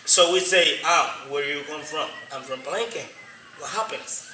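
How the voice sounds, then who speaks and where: Man, Colombian Spanish accent, local guide, broken English, very bright tone, echoey and distant. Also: on the high side. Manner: halting non-native English, repetitive, frequent "you know?". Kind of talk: explaining community history to a visitor. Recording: roomy, distant from the mic, faint noise.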